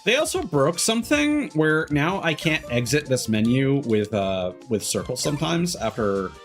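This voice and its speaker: This game streamer's voice runs a little high and swings widely in pitch at a moderate pace. He rambles hesitantly while playing, thinking aloud in casual livestream chat as game music plays behind him.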